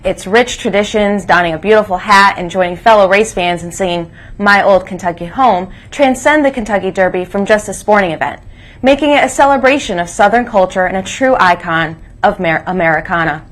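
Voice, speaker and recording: A woman's voice: mid-range voice, fairly quick. Woman presenting a scripted school news broadcast. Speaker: school morning broadcast co-host. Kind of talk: scripted announcements, read aloud.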